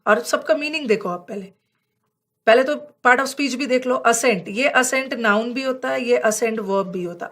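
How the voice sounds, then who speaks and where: A woman with a fairly high voice teaches vocabulary from slides for an exam class. She explains in Hindi that is full of words, and she slows right down to read example sentences.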